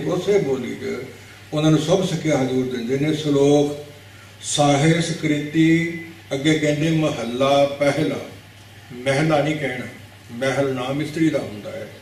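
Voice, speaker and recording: A man's voice: medium pitch, darkish tone, a little hiss or hum. Man delivering a katha sermon in a big prayer hall; instructive, corrective delivery; recorded from a distance with strong room echo. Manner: didactic, repeats words to correct pronunciation; rhetorical questions to the audience. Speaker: Sikh preacher giving katha. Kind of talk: religious discourse explaining scripture. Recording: very echoey hall, mic at a distance.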